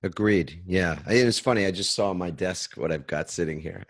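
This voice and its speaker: A man's voice: sits low, normal speed. A man hosting an interview podcast, speaking reflectively and thinking aloud, often restarting his sentences as he searches for words. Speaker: podcast host. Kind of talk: conversational interview.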